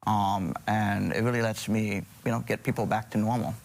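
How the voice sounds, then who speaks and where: Man from Hawaii, middle-aged, TV guest surgeon, hesitant, slightly low voice. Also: fairly even intonation, moderate pace, gravelly. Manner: hesitant, many ums and restarts. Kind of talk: TV morning show interview.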